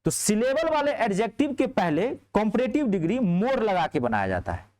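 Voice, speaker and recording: A man teaching a grammar class in speech, asking his students checking questions and answering them himself. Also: normal speed. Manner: lively, rising on questions and dropping low on answers.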